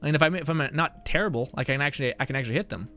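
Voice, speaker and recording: Racing along in a medium-pitched, fairly bright voice, this young streamer chats casually over faint background music while playing a game. He laughs a lot, reads viewers' messages aloud and is sometimes short of breath.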